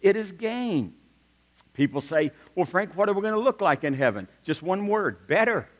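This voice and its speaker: Animated pastor preaching in a reverberant sanctuary. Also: male voice, sits high, moderate pace. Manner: animated storytelling with humorous asides. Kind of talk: sermon. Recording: long reverb of a large hall.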